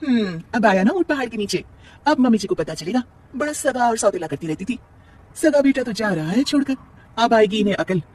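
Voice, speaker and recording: A man voicing a sharp-tongued, defiant young married woman in a storybook tale. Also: high voice, animated, fairly quick, slight background noise, voice pushed up. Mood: gloating.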